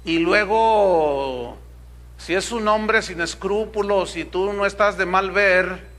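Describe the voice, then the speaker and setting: A man's voice: sits high, slow, fairly bright tone. A man, preaching a sermon in a conversational, humorous way and asking the crowd rhetorical questions. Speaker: pastor.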